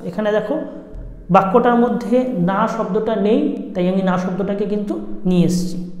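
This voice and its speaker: A teacher with a West Bengal accent giving an exam-prep grammar lesson, asking questions, answering them, and repeating key phrases slowly for emphasis. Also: mid-range voice, mellow. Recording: roomy with a long reverb tail.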